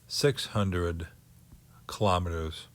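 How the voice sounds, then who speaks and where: A man giving a physics lecture on orbits, working through figures slowly and thinking aloud with many pauses. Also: low-pitched. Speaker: teacher.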